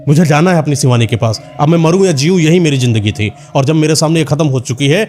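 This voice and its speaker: A man's voice: on the high side, fast talker, soft background music, lightly acted. A man voicing a desperate young man in love, in a horror story. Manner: distraught, forceful.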